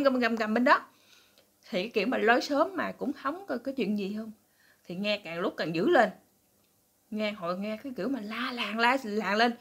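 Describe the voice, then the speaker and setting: A woman telling a comic folk tale to her channel's audience, chatty and full of fillers. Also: medium pitch. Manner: chatty, many fillers, acts out voices. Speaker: storyteller. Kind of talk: telling a funny folk story.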